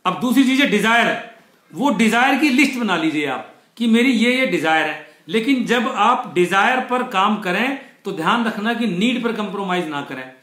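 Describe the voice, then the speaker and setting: A man giving an online motivational lecture, explaining step by step, slowing down to stress key words and mixing English phrases into his talk. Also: high-pitched, expressive, sharp tone, echoey room. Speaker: motivational speaker.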